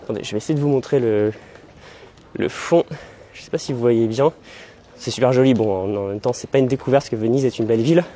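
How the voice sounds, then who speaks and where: A man's voice: mid-range voice, mellow. A young man hosting a language-learning vlog, chatting in a loose, rambling way as he walks city streets with a handheld camera. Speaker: language-learning video host. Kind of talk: casual walking vlog. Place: outdoors, walking through city streets.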